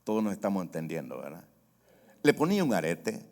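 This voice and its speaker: A man's voice: low voice, very animated, brisk, creaky, a little mellow. A man with a Salvadoran accent preaching a sermon, telling stories and explaining terms step by step. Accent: Salvadoran Spanish. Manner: storytelling, acts out quoted voices, explains word by word. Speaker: pastor. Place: church sanctuary. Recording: long hall reverb.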